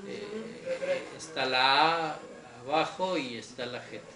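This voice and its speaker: A man teaching Hebrew grammar in a Torah class, slow and patient, often checking that his students follow. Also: a little high, expressive, vocal fry, crowd noise. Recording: echoey room with faint noise.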